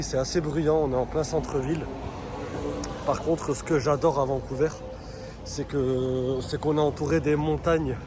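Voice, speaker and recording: A man from France chatting casually in a travel vlog while walking around a city, often pausing on "euh" and restarting his sentences. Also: fairly high pitch. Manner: chatty, relaxed, frequent fillers and restarts. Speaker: vlogger. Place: outdoors in a city. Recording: loud street noise behind.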